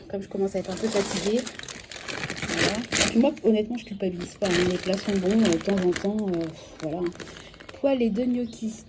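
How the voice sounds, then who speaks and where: A woman in her thirties with a French accent, chatting casually through a grocery unboxing vlog, correcting herself often and filling pauses with "euh". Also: mid-range voice. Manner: chatty, self-correcting, many fillers. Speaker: vlogger. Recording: clear background noise.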